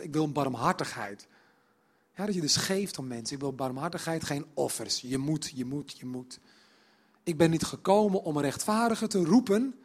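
A man preaching with a fairly high voice, lively and animated. He slips into quoted exchanges, raising and dropping his voice to act out the people in his stories. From Netherlands. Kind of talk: sermon.

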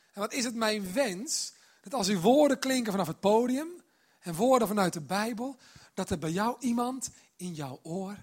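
A man's voice: high-pitched, slightly rough. A man preaching a sermon to a congregation, telling stories and speaking to them directly. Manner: warm direct address to the congregation, storytelling.

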